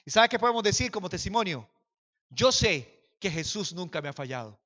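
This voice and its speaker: Fiery high-pitched preacher in an echoey hall. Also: male voice, sing-song, normal speed, dull audio. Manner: impassioned preaching, swings from quiet to shouting; calls the congregation to repeat and raise hands. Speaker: pastor. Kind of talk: sermon. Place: church hall.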